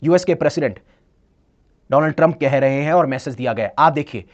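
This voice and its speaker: A man's voice: a little high, quick pace, muffled recording. A man giving an explanatory current-affairs lecture as an exam-prep educator, mixing in English phrases and posing rhetorical questions that he answers himself. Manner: switches between Hindi and English phrases.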